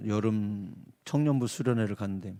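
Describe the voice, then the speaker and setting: A man's voice: lowish voice, moderate pace, dark tone. A middle-aged man preaching at a revival meeting. He preaches emphatically and dramatically and acts out the voices he quotes. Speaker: pastor. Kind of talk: revival sermon. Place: church sanctuary. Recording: reverberant church hall.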